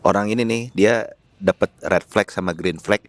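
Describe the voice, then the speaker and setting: Podcast host, male, deep register, Jakarta Indonesian accent, casual conversational interviewer. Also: normal speed.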